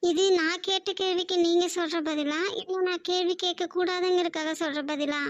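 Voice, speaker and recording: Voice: extremely high pitch, steady tone, fairly quick, dry recording. A woman voicing a tearful, earnest young wife in a cartoon, with a Kongu Tamil accent and a pleading, questioning way of talking. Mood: hurt, pleading. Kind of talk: cartoon voice acting. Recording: dull dry lo-fi recording.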